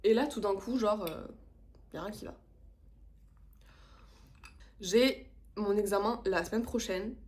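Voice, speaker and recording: A woman's voice: medium pitch, a little slow, pauses often, a little mellow. A young woman vlogging casually, telling an exasperated story in slangy, profane speech with English phrases mixed in. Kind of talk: casual ranting vlog.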